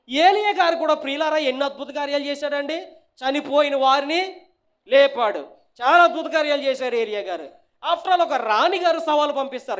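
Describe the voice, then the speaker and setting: High-voiced pastor preaching with dramatic swings. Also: male voice. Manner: questions the congregation and prompts replies; dramatic, swings between loud and hushed. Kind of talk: sermon.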